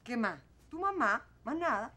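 A woman's voice: on the high side, sing-song, unhurried, pushed and bright, heavily acted. A bitter, sarcastic mother. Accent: Venezuelan. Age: middle-aged. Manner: sarcastic, cutting. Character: hurt, proud middle-aged mother lashing out at her daughter. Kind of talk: telenovela acting.

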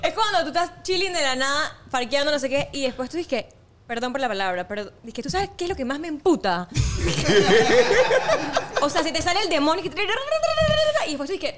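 A woman's voice: high-pitched, expressive, a little fast, noisy background. A woman co-hosting a podcast, chatting, asking follow-up questions and laughing along. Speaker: podcast co-host. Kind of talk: casual podcast chat.

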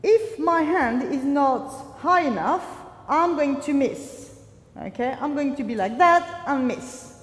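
A woman's voice: high voice, expressive, takes it slowly. A woman speaking as a fencing master, teaching a drill with short commands, corrections and brief praise. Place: large reverberant indoor room. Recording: echoey hall with long reverb.

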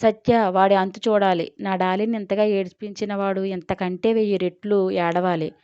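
A fierce, vengeful middle-aged woman, voiced by a woman in an audio story. Clear smooth voice, dry and slightly dull recording. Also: mid-range voice, steady tone, moderate pace, dark tone, dry recording, lightly acted.

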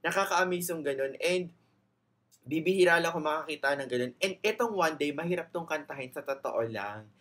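A young Filipino man with a Filipino accent, chatting excitedly as host of a reaction video and switching between Tagalog and English. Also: a little high, fairly quick. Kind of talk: casual reaction commentary.

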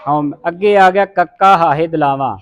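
A fairly high-pitched man with a Punjabi accent teaches Gurbani pronunciation at a moderate pace, with background noise audible. In this classroom recitation lesson, he spells out scripture words by sound and the class repeats after him.

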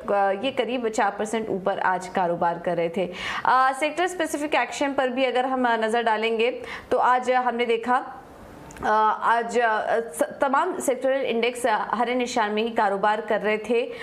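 A woman's voice: on the high side, unhurried. Woman reading TV market news. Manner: fluent with frequent "uh" fillers. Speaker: markets correspondent. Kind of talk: live market report. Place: TV news studio.

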